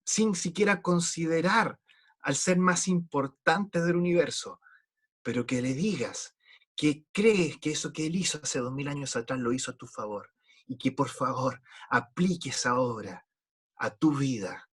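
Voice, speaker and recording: Husky man preaching earnestly. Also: medium pitch, a little slow, a bit bright. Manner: earnest, pleading, with repeated words and restarts. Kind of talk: sermon.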